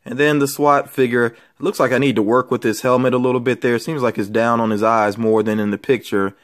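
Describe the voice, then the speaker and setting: A man's voice: medium pitch, fairly even intonation, fairly quick. A man who vlogs about collectibles, talking casually as he shows things to viewers. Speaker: toy collecting vlogger. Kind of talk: casual show-and-tell chat. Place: indoor room with shelves of figures.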